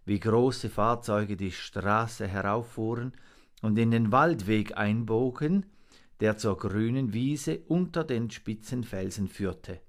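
A man narrating a storybook in an expressive, measured reading. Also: lowish voice.

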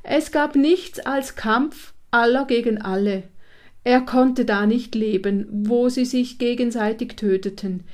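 A woman reading a children's animal story aloud, slowly and expressively. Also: on the high side, darkish tone. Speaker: narrator.

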